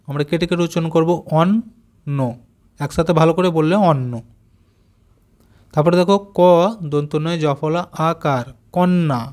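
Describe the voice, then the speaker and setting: A man teaching young children a reading lesson, patiently spelling out joined letters and saying each word slowly. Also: a little high, darkish tone. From West Bengal, India. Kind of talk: primary school reading lesson.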